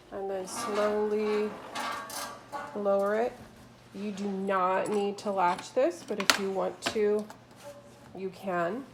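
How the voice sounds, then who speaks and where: A woman's voice: mid-range voice, noisy background. Woman patiently demonstrating a kiln. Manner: patient, plain instructional. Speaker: instructor. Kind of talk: step-by-step demonstration. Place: kiln room. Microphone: phone held while filming.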